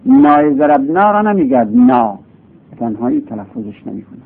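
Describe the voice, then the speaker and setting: A man's voice: a little high, very animated, gravelly. A man teaching grammar in a classroom lecture. He explains patiently, repeats his examples, and his voice leaps up for emphasis. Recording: tinny lo-fi phone-like recording.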